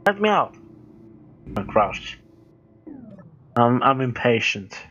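A young man on a gaming call talks in a slow, drawn-out way, his pitch swinging up and down as he laughs along. His voice comes through dull and lo-fi, like a muffled chat line. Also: very animated, sharp tone. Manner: slow, deliberate, laughs along and repeats the other's lines. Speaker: co-player.

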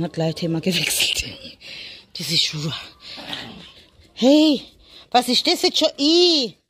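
A woman filming a casual vlog in a stable, chatting to the viewer and coaxing her animals in a sing-song voice. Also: medium pitch. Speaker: vlogger.

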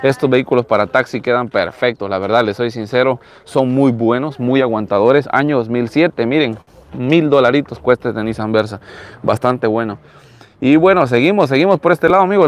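Latin american spanish guy in his 30s, chatty live vlog outside on his phone, repeats himself a lot, medium pitch. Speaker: live-stream host. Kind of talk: casual live vlog commentary, showing used cars. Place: outdoors in an open car lot. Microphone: handheld phone at arm's length.

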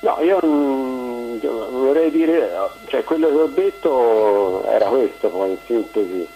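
A man phoning in to a talk show, his voice coming down the phone line. He speaks slowly and haltingly, with many pauses and tag questions. His tone is dark and mellow. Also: medium pitch, faint music behind. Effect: heard over a phone line. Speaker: caller. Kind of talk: call-in discussion.

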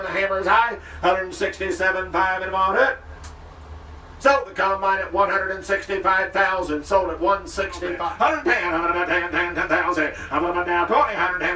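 A man working as an auctioneer, calling bids in a rhythmic rolling chant with quick sales patter into a handheld mic at an outdoor farm sale. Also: sits high, pushed and bright, recorded from a distance, a little hiss or hum. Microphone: handheld microphone. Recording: roomy sound from off-mic.

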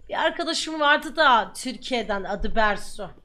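A young woman commentating while she plays a game, chatting to herself and breaking into loud swearing shouts. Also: on the high side, animated, takes it slowly. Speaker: gaming streamer.

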